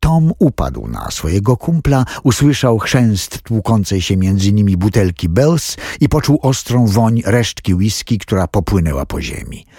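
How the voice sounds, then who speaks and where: A man reading a thriller audiobook as scripted narration, telling the story dramatically in a husky voice. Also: very animated, unhurried, hardly any pauses, warm tone, dry recording, clean studio sound. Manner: dramatic storytelling with wide swings in pitch.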